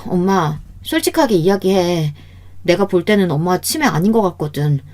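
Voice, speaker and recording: Brief: woman as a concerned daughter in a radio story, gentle, questioning. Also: on the low side, expressive, moderate pace, close to an everyday voice. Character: adult daughter, trusting and worried.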